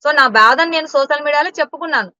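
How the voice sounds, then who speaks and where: A woman's voice: high voice, fast talker, sharp tone, no room sound, lo-fi sound. A woman giving blunt, indignant answers in an interview. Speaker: interview guest.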